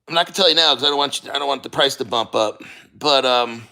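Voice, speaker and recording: A middle-aged man hosting a casual livestream, chatting in a rambling, halting, sweary way and reading out comments. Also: mid-range voice, gravelly, pushed and bright. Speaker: crypto livestream host.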